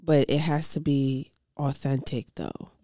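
A young woman co-hosting a podcast, animated and affirming, slangy in casual chat. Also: extremely low pitch, measured pace, no room sound, studio quality.

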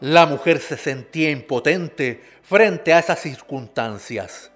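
A man giving measured, somber narration for a radio drama. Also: a little high, expressive, fairly bright tone. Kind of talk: scripted narration.

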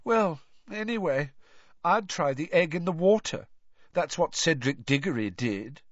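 Man doing a whiny high ghost girl. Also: lively intonation, a little slow, dry recording. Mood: mopey. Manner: whiny, miserable, teasing. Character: mopey sly teenage girl ghost. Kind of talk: audiobook character voice. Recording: dry, dull lo-fi recording.

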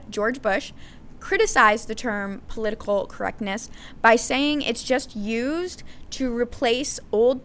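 Candid and conversational, a woman runs a solo podcast, frequently using fillers and starting sentences over while owning up to a sarcastic streak. Her voice is a little high and fairly bright.

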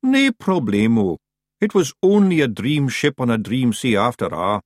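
A man's voice: medium pitch, normal speed, no room sound, clean studio sound, natural voice. A man voicing a tiny, simple, eager fairy rogue with a Scottish accent, nervous and earnest, in an audiobook. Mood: cheerful, assured. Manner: excitable, earnest, dialect-heavy.

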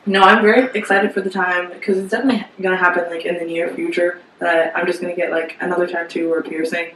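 A woman's voice: fairly low pitch, flat delivery, quick pace, fairly bright tone, recorded from a distance. A young woman co-hosting a podcast, chatting casually and teasing, rambling with lots of "like". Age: young adult. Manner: rambling with many "like" fillers, teasing. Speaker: podcast co-host. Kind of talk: casual chat. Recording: echoey room, a bit off-mic, faint noise.

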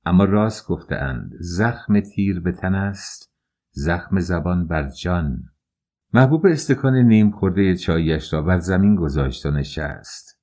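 Man reading an audiobook, low deep voice, steady and calm. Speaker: audiobook narrator. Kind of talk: scripted first-person narration.

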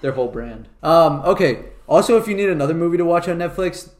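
Young man, podcast co-host, rapid casual chatter full of swearing and "dude", recorded in an echoey room. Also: fairly high pitch, expressive. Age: young adult. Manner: fast-talking and profane, says "dude" a lot. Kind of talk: casual chat.

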